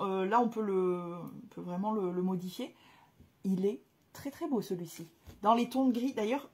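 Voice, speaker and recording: Woman, casual vlogger, breathy husky voice, excitable, slangy, lots of fillers. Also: medium pitch. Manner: gushing exclamations, slangy and chatty; frequent hesitation fillers. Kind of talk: casual chat to camera.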